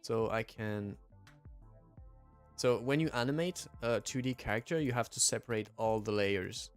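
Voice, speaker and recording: Soft music plays as a young French-accented streamer from southwest France chats casually and reads chat aloud. His pitch is fairly low and his pace moderate, and he hesitates often with fillers and restarts.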